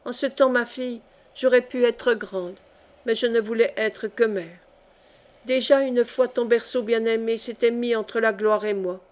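A woman's voice: on the high side, darkish tone, natural voice. A woman reading the part of a devoted noble countess speaking tenderly and fervently to her daughter in an audiobook. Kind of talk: audiobook reading of a historical novel.

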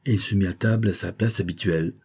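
A man's voice: steady tone, fast, a little mellow, husky. A man reading a classic adventure novel aloud as narration, lifting his voice for the characters' lines. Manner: reads all characters, raising pitch for their lines. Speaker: audiobook reader. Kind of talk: scripted narration.

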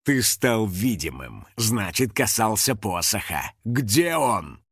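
A gloomy, gruff monster hunter, as a man plays him, growling low and gloating over his catch. He talks with slow, heavy pride. Dry, close audiobook sound. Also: very animated, fairly bright tone, no room sound, heavily acted. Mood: menacing. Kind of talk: audiobook character voice.

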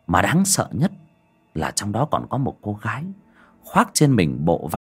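A man's voice: on the low side, huge pitch swings, moderate pace, breathy edge, faint music behind. Dramatic male horror storyteller. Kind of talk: scripted storytelling.

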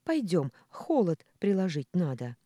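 A female narrator voicing a spirited, quick-tempered young woman who talks sharply and bossily. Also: fairly low pitch, big pitch swings, no room sound, clean studio sound, pitched above the performer's own voice. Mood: concerned. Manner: sharp, exasperated, commanding. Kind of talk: audiobook character voice.

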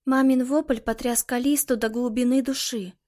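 A woman reading an audiobook in a measured, expressive way. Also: on the high side. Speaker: audiobook narrator. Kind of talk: scripted audiobook narration.

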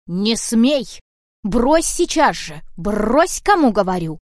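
A woman doing a gruff, rude talking cat. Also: fairly high pitch, lively intonation, moderate pace, no room sound, clean studio sound, natural voice. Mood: shouting. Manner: loud, bossy, scolding. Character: old male house cat, gruff, rude protector. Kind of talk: audiobook character voice.

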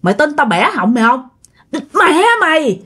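A possessed young soldier spits threats in a high, swinging voice, as a woman puts him on. He is menacing and violent, snarling insults in a spoken ghost story. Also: big pitch swings, moderate pace, a bit bright, husky, heavily acted.

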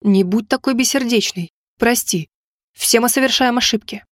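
A pleading, persistent young man from an audiobook, read by a woman in her own fairly high voice. He speaks slowly and begs, and the sound is dry and close. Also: no echo, close to an everyday voice.

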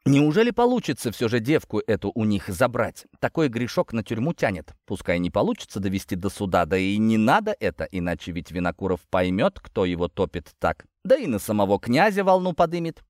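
Male audiobook narrator, lively intonation, dry close sound. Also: lowish voice, a little fast, few pauses, no echo. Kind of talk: scripted narration.

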